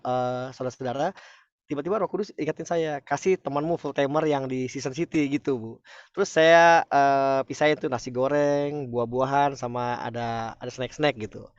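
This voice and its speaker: A man preacher telling a testimony to an online congregation, animated and often calling out to his listeners. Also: mid-range voice, no room sound, lo-fi sound. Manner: animated, frequent "saudara" addresses, rising excitement. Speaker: preacher leading an online fellowship.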